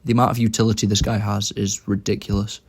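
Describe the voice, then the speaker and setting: A man's voice: lowish voice, little pitch movement, fast talker, creaky, breathy edge. A young man giving casual commentary over his own game, thinking aloud about each move as he plays.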